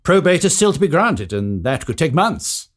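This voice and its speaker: An actor playing a formal, punctilious solicitor, precise and officious, in an audio drama. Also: male voice, on the high side, big pitch swings, normal speed.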